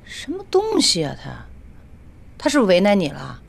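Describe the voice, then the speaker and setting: An actress playing a bossy middle-aged woman lawyer in a television drama, forthright and quick to take offense on her friend's behalf. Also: mid-range voice, wildly swooping pitch, gravelly, exaggerated voice. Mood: protective.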